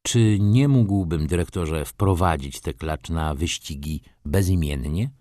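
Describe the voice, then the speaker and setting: A man doing a quiet, reserved gentleman. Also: deep voice, takes it slowly, no echo, studio quality, voice pushed down.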